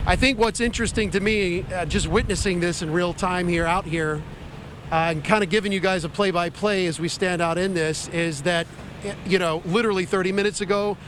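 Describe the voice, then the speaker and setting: A man reporting live from outdoors in a storm, raising his voice over the wind in an unscripted account. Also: high voice. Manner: raised voice over strong wind. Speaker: field reporter. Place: outdoors on a residential street in a storm. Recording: loud hurricane wind noise outdoors. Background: howling wind.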